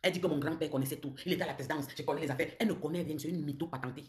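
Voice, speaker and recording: Woman, Cameroonian French accent, live-stream host; fast, low-pitched, accusatory and confrontational delivery. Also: darkish tone. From southern Cameroon. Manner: accusatory, confrontational, repeats taunts. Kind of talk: heated live-stream rant.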